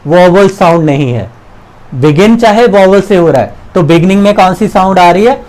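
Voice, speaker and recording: High-voiced man teaching English. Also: animated, normal speed, a little mellow, poor audio. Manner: patient, repeats examples and asks questions. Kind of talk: explanatory lesson.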